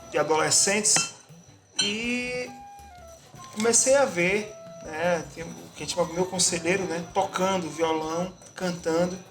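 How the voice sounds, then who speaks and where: A man from Bahia with a Bahian accent, answering interview questions in a reflective, pausing way with frequent restarts. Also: sits high. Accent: Bahian Portuguese. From Bahia, Brazil. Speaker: interviewed artist and musician. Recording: echoey room with music behind.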